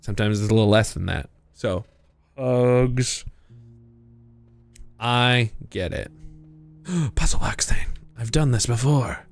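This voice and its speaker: A man's voice: mid-range voice, slow, long pauses, soft background music. A young man streaming a puzzle game, thinking aloud in a chatty, giggly way. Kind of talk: live gameplay commentary.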